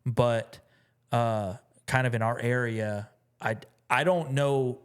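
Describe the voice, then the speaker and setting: A man chats as a guest on a relaxed podcast, his voice smooth and clear at an average pitch. He rambles through his answers with plenty of fillers and restarts. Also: slow. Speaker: musician guest. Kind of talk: casual interview chat.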